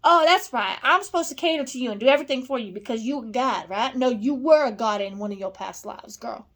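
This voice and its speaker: A woman in a rambling spoken monologue, blunt and profane, swinging between low murmurs and loud scolding. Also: quick pace. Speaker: vlogger.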